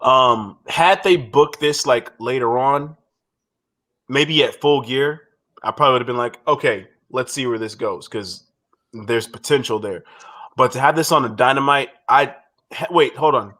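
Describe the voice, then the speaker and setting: A man's voice: mid-range voice, a little slow, pushed and bright. A man co-hosting a casual wrestling recap podcast, rambling through his opinions with frequent restarts and swearing. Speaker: podcast co-host.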